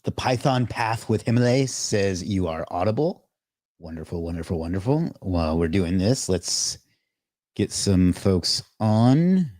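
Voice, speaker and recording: A man with a very low voice hosts a casual live stream. He rambles and greets viewers by reading out their comments. The sound is dry and close, with no room around it. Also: expressive, measured pace, a little mellow, no room sound. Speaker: livestream host.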